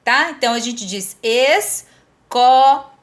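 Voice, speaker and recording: A woman's voice: high voice, lively intonation, normal speed, fairly bright tone. A woman with a Brazilian Portuguese accent teaches a recorded lesson. She talks patiently and keeps checking with "tá?" whether the pupil follows. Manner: patient, repeats "tá?" to check understanding.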